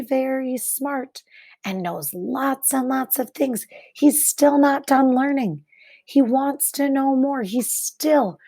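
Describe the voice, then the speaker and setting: A woman whose voice sits high reads from a kids' picture book in a teacher-like way, pacing her lines deliberately and expressively and building in dramatic pauses.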